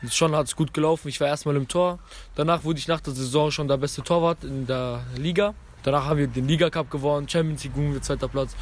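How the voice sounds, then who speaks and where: A man who played goalkeeper telling his story in an eager, rushed way. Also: on the high side, fairly even intonation. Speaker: interviewee, goalkeeper. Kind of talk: casual interview.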